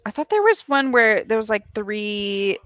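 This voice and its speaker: A woman's voice: medium pitch, very animated, a little slow, a bit bright, clean tone, no room sound, clean studio sound. A young woman hosting a reading session on a video call, chatting casually and laughing often. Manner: chatty, laughs often, trails off mid-sentence. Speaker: host of reading sprints. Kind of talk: casual chat.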